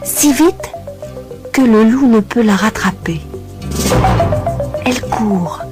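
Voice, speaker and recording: A woman teacher reading a children's story aloud, slow and expressive. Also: on the high side, over music.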